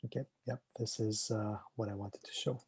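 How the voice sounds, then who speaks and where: A man's voice: lowish voice, fairly even intonation, moderate pace, a little mellow, breathy edge, no room sound. A man moderating an online panel discussion in a casual, accommodating way. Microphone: video call.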